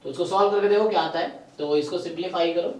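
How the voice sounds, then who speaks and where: A man's voice: high-pitched, quick pace, echoey room, distant mic, poor audio. A man teaching math in a live online lecture, explaining step by step and often checking in with "है ना".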